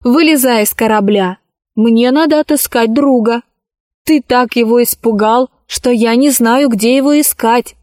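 A woman reading a children's story aloud, voicing a level-headed girl who scolds and reasons calmly. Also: a little high, a little slow, no room sound, studio quality, lightly acted. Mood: reproachful.

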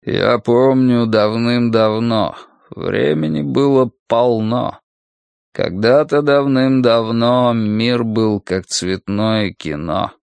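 A man's voice: medium pitch, creaky, darkish tone, smooth, dry recording. A man reciting as a mournful folk singer. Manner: slow, mournful recitation of song lyrics. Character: weary middle-aged male folk singer, mournful.

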